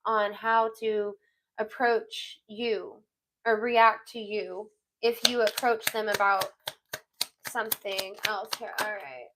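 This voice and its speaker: A woman's voice: medium pitch, level tone, slow, a bit bright, a little hiss or hum, poor audio. A woman giving a casual, blunt intuitive reading, chatting freely and swearing now and then. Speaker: tarot reader.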